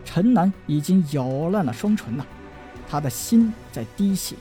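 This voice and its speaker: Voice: mid-range voice, lively intonation, dark tone, soft background music. 情绪饱满的有声书说书人. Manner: emotive storytelling with drawn-out endings. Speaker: narrator. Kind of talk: dramatic audiobook narration.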